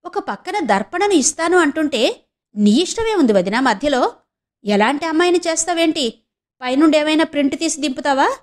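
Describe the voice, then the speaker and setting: A woman's voice: high voice, lively intonation, moderate pace, voice pushed up. A woman voicing a quarrelsome middle-aged sister-in-law with a sarcastic, needling manner. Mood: taunting.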